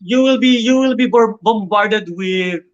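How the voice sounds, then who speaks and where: Male host, high-pitched, playful talk, muffled online sound. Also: a little slow. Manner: chatty, mixes English and Filipino, jokes. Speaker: interview host. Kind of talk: casual online interview. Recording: dull lo-fi online audio.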